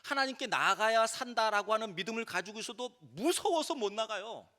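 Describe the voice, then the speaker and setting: A middle-aged man, a pastor, preaching a sermon in an animated way and acting out the voices he quotes. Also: high voice, a little fast. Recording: reverberant church sanctuary.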